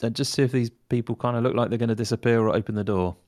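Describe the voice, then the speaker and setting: A man's voice: medium pitch, steady tone, rapid-fire, darkish tone. A man playing a tabletop game, talking through his plans and repeating words as he goes. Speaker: player. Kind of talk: casual tabletop game play.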